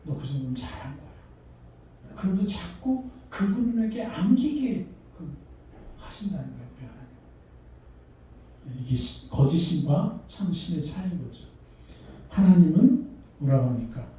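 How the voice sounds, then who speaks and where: Preaching pastor in an echoey hall. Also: male voice, high voice, measured pace. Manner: animated preaching, asks the congregation questions, acts out voices. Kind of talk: sermon. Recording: echoey hall, mic far off.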